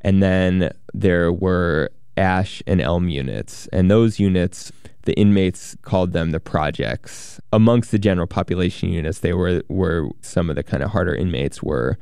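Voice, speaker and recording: A man telling a first-person documentary story as a journalist, measured and plain-spoken, with deliberate pauses. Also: low-pitched, vocal fry, darkish tone, clear, resonant tone, dry recording, studio quality. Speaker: journalist who worked as a prison guard.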